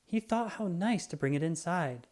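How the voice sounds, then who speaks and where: Here a narrator with a medium-pitched voice reads a children's story, using deliberate pacing and expressive storytelling.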